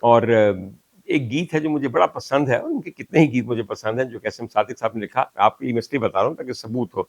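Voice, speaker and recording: In a reflective talk-show monologue about a poet, an older man from Pakistan speaks with a Pakistani Urdu accent, occasionally slowing down to recite Punjabi verses with emphasis. His medium-pitched voice comes through lo-fi sound with no room sound.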